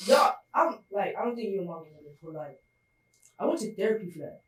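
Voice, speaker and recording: A young woman co-hosting a laid-back podcast, talking loosely and stacking "like" fillers. Her voice sits at a middling pitch. The recording sounds roomy and echoey, with the mic some distance from her. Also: very animated, fast talker. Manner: loose, filler-heavy, "like" everywhere. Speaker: podcast co-host. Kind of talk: casual chat.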